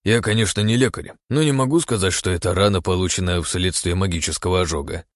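A man's voice: low voice, dry recording, studio quality, lightly acted. A man voicing a tall gray-haired male expert who mumbles and drags out his words. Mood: musing. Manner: mumbling, drawn-out.

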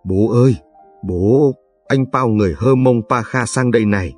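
A man's voice: mid-range voice, slightly rough, soft background music, lightly acted. A man voicing an eager young villager. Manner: loud, hurried and warm. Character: poor young Nùng man, cheerful and eager.

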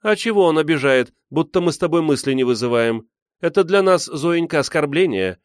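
A man's voice: fairly high pitch, lively intonation, brisk, smooth, dry recording, studio quality, voice pushed up, close to an everyday voice. Man doing a bubbly, teasing young woman.

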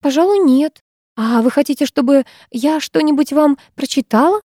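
A woman's voice: high-pitched, animated, normal speed, warm tone, no room sound, studio quality, voice pushed up. A woman voicing a fussy, proud middle-aged chemistry teacher who coos and gushes over her favorite pupil, in an audiobook reading. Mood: gushing. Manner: cooing, solemn, gushing.

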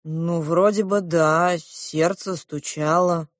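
A woman's voice: fairly low pitch, fairly even intonation, slow pace, no room sound, clean studio sound. Woman voicing a mild, evasive father. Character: distracted grown man, father, mild and evasive. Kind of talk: audiobook reading.

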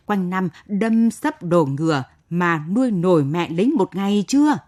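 A woman reading the part of a quarrelling man who loudly taunts his brother in a radio story. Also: fairly low pitch, lively intonation, normal speed, dry recording, clean studio sound, close to an everyday voice. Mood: taunting.

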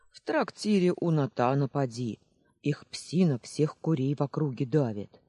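A reader playing a gruff village man. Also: mid-range voice, lively intonation, normal speed, dark tone, dry recording. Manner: blunt, spits out words.

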